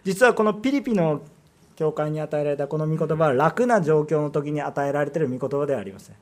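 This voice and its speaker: A male pastor delivers a sermon at a quick pace, his voice a touch high for a man. Rhetorical questions carry his argument, and his emphasis climbs upward whenever a line is important.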